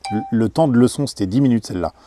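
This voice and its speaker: A man's voice: mid-range voice, very fast, mellow, faint music behind. A man travel vlogger explaining things casually, hesitant with many fillers.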